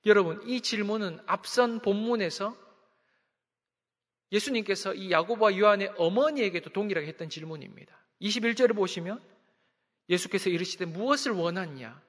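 A man's voice: high-pitched, brisk. A male pastor preaching a sermon in an earnest manner, posing rhetorical questions and repeatedly appealing to his congregation. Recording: long reverb of a large hall.

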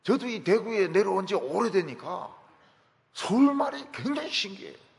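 Man, pastor, sermon, emphatic storytelling, slightly high voice, long church reverb. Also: gravelly.

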